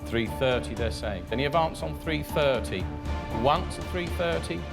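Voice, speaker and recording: A man's voice: a little high, expressive, normal speed, creaky, loud music behind the voice. A man working as an auctioneer, calling out bids in a repeated chant of prices.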